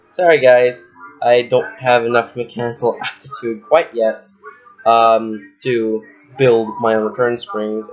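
A man's voice: mid-range voice, highs cut off. A young man giving a casual, rambling vlog update about his handmade replica guns, with lots of ums and little laughs. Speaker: maker selling wooden replica guns.

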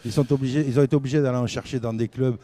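An older man interviewing a guest at a trade fair stand with a handheld mic, brisk and enthusiastic. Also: medium pitch, fairly even intonation, dark tone. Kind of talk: casual interview.

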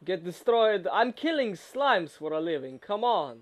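A man's voice: high voice, sing-song, measured pace. A young man chatting casually and teasing his friend while they play a co-op game. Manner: teasing, joking. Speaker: gamer. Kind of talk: casual co-op gameplay chat.

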